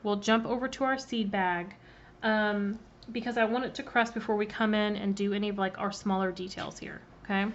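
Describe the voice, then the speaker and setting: A woman's voice: medium pitch, fairly even intonation, moderate pace. A woman chatting her way through a live-streamed cookie-decorating demonstration, greeting viewers by name with plenty of ums. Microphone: laptop mic. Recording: slightly muffled, faint background noise.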